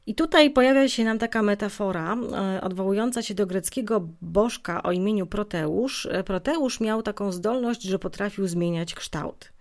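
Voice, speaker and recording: A woman's voice: medium pitch, darkish tone. A woman giving a spoken lesson to students, explaining at length with many hesitant fillers and asking questions she then answers herself. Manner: addresses students directly, asks and answers own questions. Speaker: teacher.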